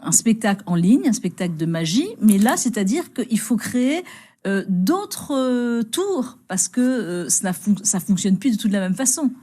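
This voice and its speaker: A woman hosting a conversational studio interview, speaking haltingly and often repeating words and phrases. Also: medium pitch, sing-song, mellow. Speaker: TV interviewer, host.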